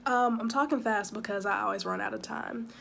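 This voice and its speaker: A young woman talks straight to her camera in a loose vlog style, rushing along with plenty of fillers and side remarks. Her voice sits a little high. A faint hiss runs under the recording. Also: creaky, fairly bright tone. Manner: chatty, quick, full of fillers and asides. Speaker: vlogger living abroad. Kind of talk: casual talking-head vlog.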